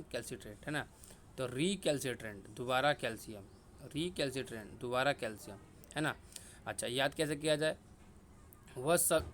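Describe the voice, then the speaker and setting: A young man from India teaches vocabulary for competitive exams, drilling each word again and again and tossing questions to the viewer before answering them himself. His voice sits at a middling pitch for a man. A faint hiss of noise runs under the recording. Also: a bit bright. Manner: repetitive, drilling words and asking himself questions. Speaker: exam-prep vocabulary teacher. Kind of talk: casual Hindi vocabulary lesson with memory tricks.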